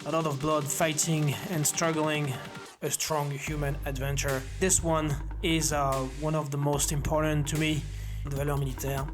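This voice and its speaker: A man's voice: fairly high pitch, over music. A man, founder of a self-defense academy and former army officer, earnestly telling his own story to camera. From Belgium. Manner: earnest, steady, measured delivery. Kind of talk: presenting to camera, personal story.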